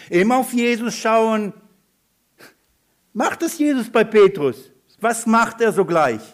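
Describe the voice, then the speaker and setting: A man preaching a sermon, animated, throwing questions at the congregation. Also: high-pitched.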